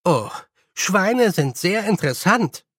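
A man's voice: on the high side, a little slow, no echo, clean studio sound. A man reading an audiobook voices a nervous, honest young witch girl who hesitates a lot. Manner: hesitant, with many fillers.

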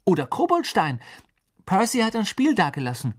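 A man voicing a nervous teenage schoolboy in an audiobook, talking hurriedly, with a husky voice. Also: sits high, huge pitch swings, voice pushed up, exaggerated voice. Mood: eager. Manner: hurried, eager. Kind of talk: audiobook character voice.

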